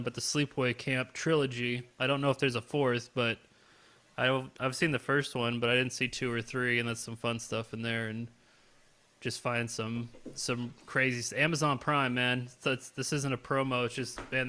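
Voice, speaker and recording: A man co-hosting a podcast in a relaxed, rambling way, laughing now and then. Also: mid-range voice, moderate pace. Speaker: podcast co-host. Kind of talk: casual chat.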